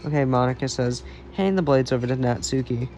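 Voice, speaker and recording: A man's voice: medium pitch, brisk, warm tone, slight background noise. A man reading his own fan fiction aloud in a casual, unscripted way, with frequent restarts and self-corrections. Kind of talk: amateur fan story reading.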